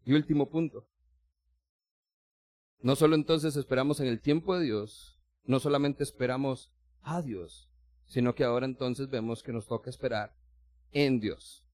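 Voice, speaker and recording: A man's voice: medium pitch, moderate pace, long pauses, darkish tone, no room sound, studio quality. A male preacher giving a sermon in a conversational way, speaking straight to his listeners and acting out small everyday scenes. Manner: addresses listeners directly and formally.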